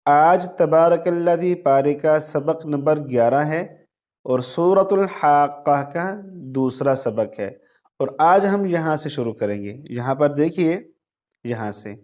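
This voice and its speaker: A man teaching a Quran reading lesson, reciting single words very slowly and drawn out, then explaining briskly and patiently repeating each word. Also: on the high side, lively intonation, darkish tone.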